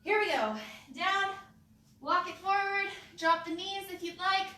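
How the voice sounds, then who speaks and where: Upbeat woman coaching a live workout: bright, sniffly, picked up from across an echoey room. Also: very high voice, a little slow, recorded from a distance. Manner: upbeat, cueing moves and counting reps. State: sniffly, runny nose. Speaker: fitness instructor. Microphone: camera mic from a distance. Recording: echoey room, voice away from the mic.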